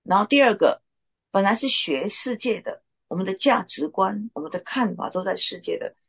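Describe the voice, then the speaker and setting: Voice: mid-range voice, lively intonation, moderate pace, gravelly, a bit bright, slightly rough. A Bible study leader giving an informal sermon, talking conversationally with frequent filler particles.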